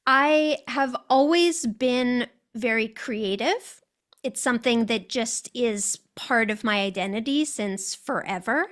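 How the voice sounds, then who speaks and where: A woman's voice: on the high side, slow. A woman with an American accent, a guest telling her story in an interview, articulate and reflective.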